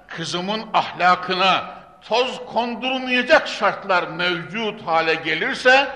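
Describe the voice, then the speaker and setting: A man preaching a sermon into a pulpit microphone in a large hall. He declaims Arabic quotations and then drops to hushed, earnest tones. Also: sits high. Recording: echoey hall with long reverb.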